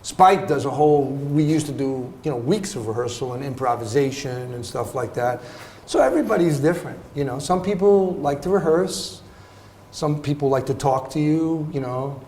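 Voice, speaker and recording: A man, an actor giving a master class, telling anecdotes in an animated, laughing way with many fillers. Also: medium pitch, moderate pace, slight background noise. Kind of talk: anecdotal storytelling interview. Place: festival venue hall. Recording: roomy hall, faint ambience.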